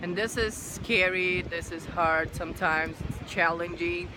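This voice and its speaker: A woman's voice: lowish voice, steady tone, unhurried. Woman chatting on a noisy beach. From Russia. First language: Russian. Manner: earnest and playful, laughs easily. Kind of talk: casual chat. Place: outdoors on a beach. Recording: noisy outdoor beach recording.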